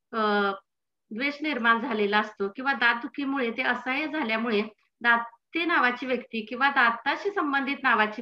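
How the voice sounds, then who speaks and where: Bright-voiced woman teacher explaining a lesson. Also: fairly high pitch, a little hiss or hum. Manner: explanatory, repeats "see" often.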